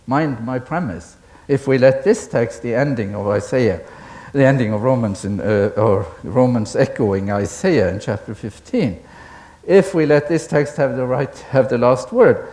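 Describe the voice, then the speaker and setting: Man giving a deliberate academic lecture. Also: medium pitch, lively intonation, a little mellow. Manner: deliberate, asks the audience questions, chuckles at own asides.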